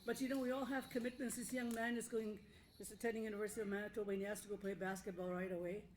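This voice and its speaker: A woman's voice: mid-range voice, little pitch movement, racing, a little hiss or hum. An older woman giving informal, conversational remarks into a podium microphone. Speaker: dance troupe leader. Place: indoor banquet hall at podium.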